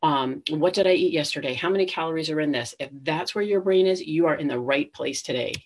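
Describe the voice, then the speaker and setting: Middle-aged woman, webinar host, husky voice, chatty and direct with listeners. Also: deep voice, fairly quick. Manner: conversational, addresses listeners directly. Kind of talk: live webinar presentation.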